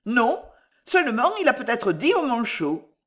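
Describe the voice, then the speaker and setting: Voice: mid-range voice, very animated, unhurried, fairly bright tone, pitched above the performer's own voice. A reader voicing a shrewd, polite concierge's wife who answers curtly in a raised voice.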